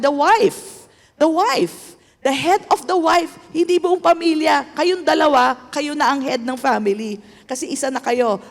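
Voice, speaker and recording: A woman pastor with a Filipino accent preaching a sermon, switching between Tagalog and English and calling for amens from the congregation. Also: high-pitched. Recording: echoey hall.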